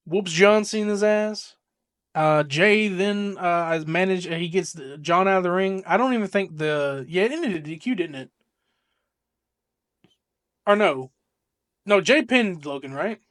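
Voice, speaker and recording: A young man co-hosting a casual podcast, rambling excitably and swearing freely as he talks. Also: sits high, a little slow, long pauses, clear, resonant tone, dry recording, clean studio sound. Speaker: podcast co-host. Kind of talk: casual chat.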